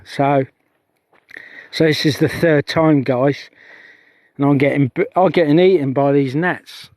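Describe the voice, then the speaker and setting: This is a dry recording with clean studio sound of a middle-aged man, a UFO investigator vlogger, livestreaming outdoors on a heath in a fairly high voice. He talks chattily and aimlessly, repeatedly interrupting himself and beginning anew.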